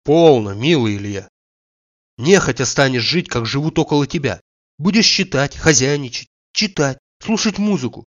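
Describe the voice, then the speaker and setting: A man reading aloud and voicing a calm, warm male friend who speaks in a measured, reassuring way, on a dull, dry recording. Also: mid-range voice, dry recording, natural voice. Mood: persuasive.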